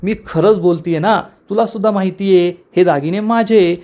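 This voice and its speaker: A man voicing an angry village mother who defends her son in a sharp, indignant tone. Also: high-pitched, normal speed, dull audio, close to an everyday voice.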